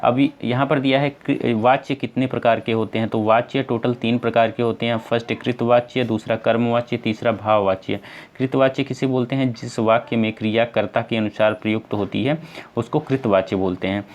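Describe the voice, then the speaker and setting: A man's voice: medium pitch, fairly even intonation, brisk. Male exam tutor, North Indian Hindi accent, patient step-by-step explainer. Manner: explains step by step, asks and answers own questions; addresses viewers as friends, many fillers. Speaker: teacher. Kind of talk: exam-prep lesson.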